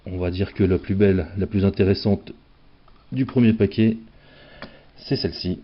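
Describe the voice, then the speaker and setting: A man's voice: sits low, normal speed. A man giving casual, self-mocking commentary while opening packs of trading cards. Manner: chatty, self-mocking, playful. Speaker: card collector opening packs. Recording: dull lo-fi recording.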